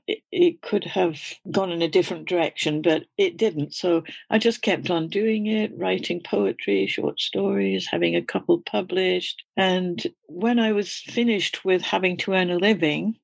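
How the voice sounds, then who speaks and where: An older woman from Scotland, a guest in an interview, reflecting on her life in an unhurried storytelling way. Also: on the low side, creaky, no echo. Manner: reflective, storytelling, slight laughs. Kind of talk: conversational interview.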